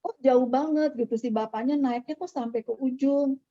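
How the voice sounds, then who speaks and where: A middle-aged woman with a high, mellow voice speaks at normal speed while telling her personal testimony to a church crowd. Quoted dialogue gets acted out within her conversational storytelling. Sound quality is dry and a little dull.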